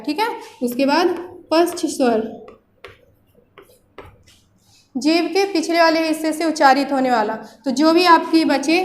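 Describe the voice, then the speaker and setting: A woman with a Hindi accent from central India, teaching a grammar lesson in a patient way and checking in with her students often. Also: sits high. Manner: patient, repeats "ठीक है ना" as a check-in. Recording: roomy echo.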